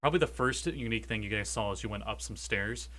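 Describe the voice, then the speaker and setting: A man speaking as game master, narrating a tabletop role-playing game in an informal, halting way. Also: lowish voice, crowd noise.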